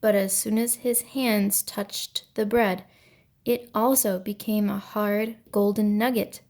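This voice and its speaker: A woman reads an ancient myth as a storyteller. Her pace is very unhurried and her telling is grave and dramatic, with a mid-range pitch. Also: fairly even intonation, a little mellow. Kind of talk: scripted narration of an ancient myth.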